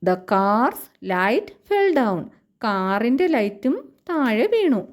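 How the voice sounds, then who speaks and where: A woman with a Malayali accent giving a lesson to young children, reading a storybook in a sing-song way and saying the English lines slowly. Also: a little high, big pitch swings. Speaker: teacher.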